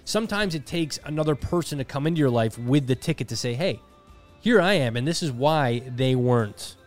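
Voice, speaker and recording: A man's voice: medium pitch, lively intonation, brisk, soft background music. Candid man in his thirties, casual podcast talk. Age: 30s. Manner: candid, self-deprecating, swears casually. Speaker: podcast co-host. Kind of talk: casual reflective chat.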